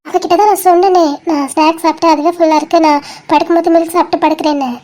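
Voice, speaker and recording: A performer voicing a heartbroken, stubborn young woman in a cartoon, talking softly and hesitantly through tears. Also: very high-pitched, fairly even intonation, very fast. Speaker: animated series character. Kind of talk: dramatic cartoon dialogue.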